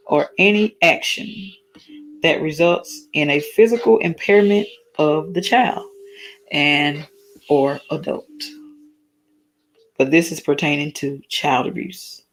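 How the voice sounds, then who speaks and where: A woman's voice: low voice, slight background noise. A tired woman with a slightly worn voice hosts a casual solo talk. She speaks earnestly, halts and restarts, and reads definitions aloud. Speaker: talk stream host.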